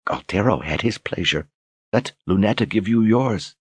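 A man's voice: medium pitch, big pitch swings, fairly quick, a little mellow, husky, no echo, pitched above the performer's own voice. A man reading an audiobook, voicing a cowed woman sorceress who pleads and coos in broken grammar. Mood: cooing. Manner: whiny, pleading, archaic grammar.

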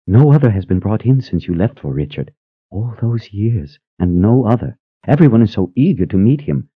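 A man's voice: fairly low pitch, lively intonation, normal speed, husky, no echo, narrow, tinny audio, pitched above the performer's own voice. A man doing a shy, giggly sister. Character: shy, giggly young-sounding woman, a sister. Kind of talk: audiobook character voice.

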